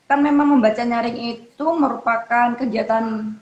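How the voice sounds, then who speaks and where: A woman's voice: a little high, steady tone, moderate pace, darkish tone, highs cut off. A woman hosting an online talk show, asking questions and tagging her sentences to seek agreement. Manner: seeks agreement with repeated "ya, Dok, ya?" tags. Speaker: host. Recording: roomy with faint background noise.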